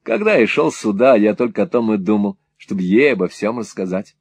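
A man reading an audiobook, voicing a calm, patient young man who speaks gently to his mother. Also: on the low side, fairly quick, breathy edge, no room sound, pitched below the performer's own voice. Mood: gentle.

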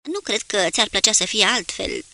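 A woman reading the lines of a calm, dry male naval commodore in an audiobook. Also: medium pitch, dry recording.

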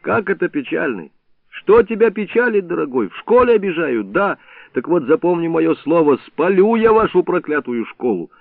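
A man voicing a gruff, hot-tempered old male hunter who scolds and curses, recorded dry with a narrow, phone-like sound. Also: on the high side, very animated, normal speed, no echo, voice pushed up. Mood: fierce protective. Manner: scolding, cursing, bantering.

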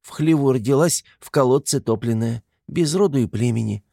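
A man voicing a tiny, stubborn, sharp-tongued peasant woman in an audiobook. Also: mid-range voice, moderate pace, vocal fry, dry recording, clean studio sound, voice pushed up. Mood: indignant. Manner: stubborn, scolding. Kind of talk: audiobook character voice.

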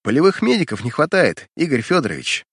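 A man's voice: a little high, wildly swooping pitch, brisk, breathy edge, no echo, clean studio sound, pitched above the performer's own voice, heavily acted. A man voicing a loyal guardsman who reports deferentially to his young master in an audiobook. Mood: sober, reporting.

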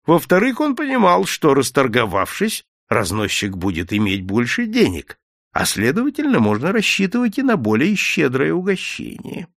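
A man narrating an audiobook in an expressive storytelling manner. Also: on the high side, normal speed, gravelly, no room sound, clean studio sound.

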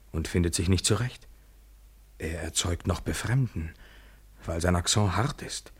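A deep, raspy, exaggerated male voice plays a tender, yearning foreign lover in a poetic radio play. His delivery is intimate and lyrical, sometimes dropping almost to a whisper.

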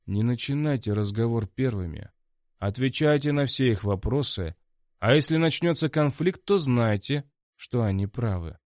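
A man's voice: medium pitch, animated, moderate pace, dry recording, clean studio sound, natural voice. A man voicing a pompous, gloomy male academy director who speaks coldly. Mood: menacing. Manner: stern and cold, then yelling.

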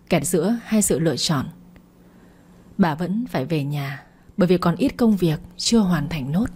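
A woman reading a dramatic family story as narrator, in a steady storytelling way. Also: fairly low pitch, breathy edge.

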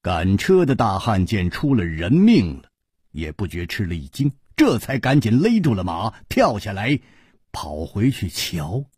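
Slow, husky male storyteller. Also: lowish voice, huge pitch swings, a little mellow, dry recording, studio quality. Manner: dramatic, vivid storytelling. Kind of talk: Chinese storytelling narration.

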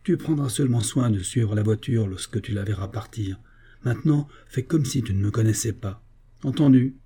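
A man reading the part of a cunning, cheeky young man from the Paris streets who talks in a brisk, scheming way. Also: lowish voice, mellow, slightly rough.

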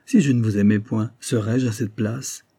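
A man voicing an earnest, virtuous young peasant girl who is soft-spoken. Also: lowish voice, steady tone, moderate pace, slightly rough. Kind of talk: audiobook character voice.

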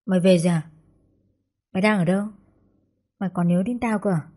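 A woman reading the lines of a loud, blunt young mother who is the narrator's best friend, with a husky, mellow tone. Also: lowish voice, a little fast, natural voice. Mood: surprised. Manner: loud, blunt, swears casually. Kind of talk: audiobook character dialogue.

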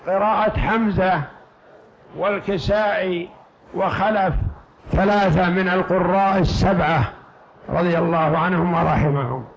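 High-pitched sheikh explaining a text, slow and emphatic, repeats phrases, muffled lo-fi lecture audio. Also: male voice, gravelly. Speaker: sheikh teaching a creed text. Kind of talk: lecture commentary on a read text. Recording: dull lo-fi lecture recording.

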